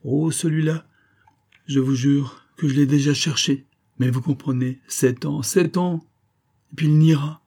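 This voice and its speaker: A man's voice: a little high, fairly even intonation, unhurried, dark tone, pitched above the performer's own voice. A man reading a novel aloud and voicing a dying woman who confesses to a false testimony, anguished and pleading, repeating words in despair. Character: dying guilt-stricken woman, a former false witness. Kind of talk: audiobook reading.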